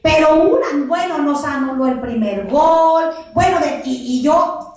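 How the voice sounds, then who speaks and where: A woman with a Mexican accent, a lay preacher giving an animated, joking retreat talk and telling stories straight to her audience. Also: high-pitched, unhurried. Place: large hall at a church center. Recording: echoey hall from far off.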